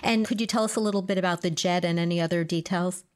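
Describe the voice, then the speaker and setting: A woman's voice: lowish voice, steady tone, quick pace, a little mellow, clean tone. A woman hosting a podcast, reading scripted introductions and putting questions to a guest. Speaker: podcast host and interviewer. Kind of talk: scripted podcast narration and interviewing.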